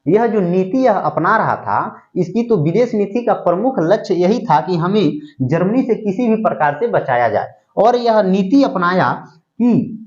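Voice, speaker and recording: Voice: medium pitch, lively intonation, unhurried, a little mellow. Teacher quizzing listeners with questions. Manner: asks rhetorical questions and answers them at once; repeats key phrases while thinking aloud. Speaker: history teacher. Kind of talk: history lecture. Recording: dull lo-fi recording.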